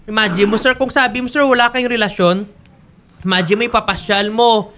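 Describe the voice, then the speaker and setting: A host with a Filipino accent, probing politely in a complaint-show interview. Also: male voice, high voice, fairly even intonation, brisk, bright, forceful tone, a little hiss or hum. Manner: polite, probing, many "sir" and "ma'am".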